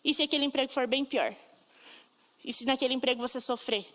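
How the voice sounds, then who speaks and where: A woman's voice: high-pitched, fast talker, fairly bright tone. A Brazilian woman preaching a sermon, telling stories emphatically and acting out the voices she quotes. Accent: Brazilian Portuguese. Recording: long reverb of a hall.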